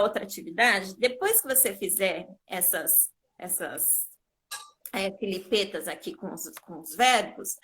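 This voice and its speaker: A woman's voice: on the high side, a bit bright. A woman educator teaching on a live video call, explaining step by step in a patient way and often checking that she is understood. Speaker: literacy educator.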